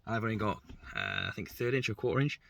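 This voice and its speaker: A man's voice: fairly low pitch, wildly swooping pitch, quick pace, gravelly, fairly bright tone, dry recording. A man doing a casual, self-deprecating how-to narration while working on his car in a garage. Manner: chatty, self-deprecating, rambling. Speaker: car build vlogger. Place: garage workshop.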